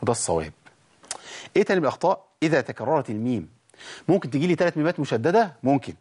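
A man with an Egyptian accent teaching tajweed on a TV show, lively, talking straight to the viewers and drawing out sounds slowly to demonstrate them. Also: fairly high pitch, husky. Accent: Egyptian Arabic. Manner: lively explaining, addresses the audience directly. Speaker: Quran recitation teacher.

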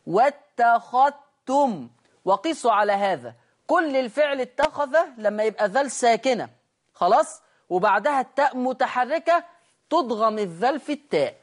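A man with an Egyptian Arabic accent leads a lesson on Quran recitation rules. He draws each recited example out slowly and carefully, then explains in quick, chatty bursts, often turning to his students to check they are keeping up. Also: very high voice. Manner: addresses the class directly and checks they follow.

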